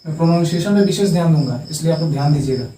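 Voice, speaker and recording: A young man teaching English grammar as a tutor, repeating terms slowly and stressing how they are pronounced. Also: a little high, dark tone. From India. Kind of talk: classroom lesson at a board. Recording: echoey room, distant mic, faint crickets.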